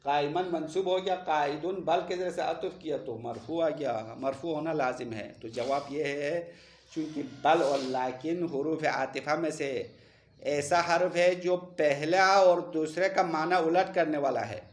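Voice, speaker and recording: A man's voice: on the high side, a little hiss or hum. Man teaching a class in an echoey room. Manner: explains step by step, asks students questions, chants Arabic verses slowly. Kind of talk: classroom lesson on Arabic grammar.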